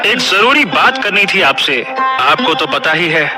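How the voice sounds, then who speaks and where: A man's voice: on the high side, very animated, unhurried. A man voicing a polite, hesitant village father in a cartoon story. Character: male village neighbour, father of a groom, hesitant. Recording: music behind the voice.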